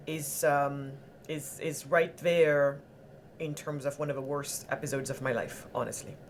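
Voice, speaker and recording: A woman from Senegal, a guest entrepreneur, telling her life story in an animated, earnest conversational way. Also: low-pitched, a little hiss or hum. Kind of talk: conversational interview.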